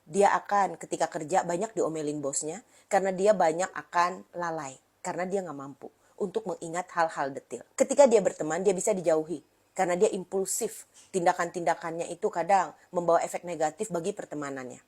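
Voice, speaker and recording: A woman therapist gives a casual talk to parents. She acts out the quoted dialogue in lively voices. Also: on the low side, fairly quick. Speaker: therapist who reads clients' subconscious.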